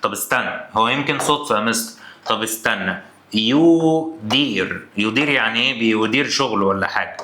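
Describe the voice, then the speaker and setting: A man's voice: lowish voice, fast talker, sharp tone. A man with an Egyptian Arabic accent teaching grammar in a playful, teasing way, acting out the questions his students might ask. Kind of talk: energetic classroom lesson. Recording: echoey room.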